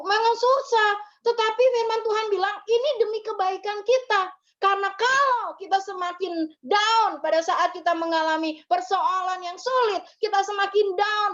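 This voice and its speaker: Very high-voiced woman preaching. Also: steady tone, normal speed, a bit bright, dull audio. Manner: conversational, tags phrases with ya and gitu. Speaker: pastor. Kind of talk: sermon at a memorial service.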